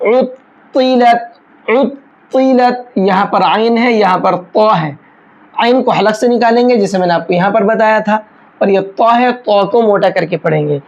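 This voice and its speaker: A woman teaching Quran tajweed step by step, patiently explaining letters and chanting verses slowly. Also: medium pitch, a little mellow, dull audio. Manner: slow, patient explanations with drawn-out chanted recitation. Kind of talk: step-by-step recitation lesson.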